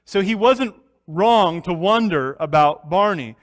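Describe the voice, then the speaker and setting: A man's voice: high voice, animated, a little slow, dry recording, clean studio sound, big-room sound. A man pastor preaching a sermon, telling a story in a folksy way before turning earnest.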